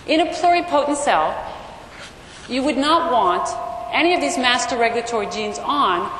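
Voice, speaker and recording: A woman lecturer speaks at a moderate pace in a high-pitched, loud voice with lively intonation, explaining material to a class. Her mic is amplified through a large, echoey lecture hall with faint noise, and she keeps checking in with "okay?" and "right?".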